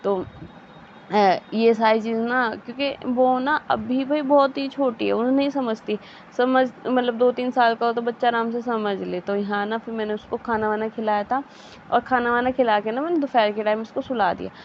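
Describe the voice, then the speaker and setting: A woman's voice: a little high, fairly even intonation, normal speed, a little hiss or hum. Chatty young woman vlogger, dull recording. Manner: chatty, amused storytelling with many fillers. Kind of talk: casual vlog voice-over narration.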